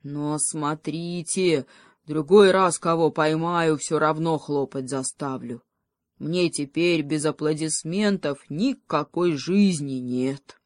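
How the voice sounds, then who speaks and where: A woman voicing a gruff big male bear who craves applause, speaking low and slow. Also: dry recording, clean studio sound. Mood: grudging.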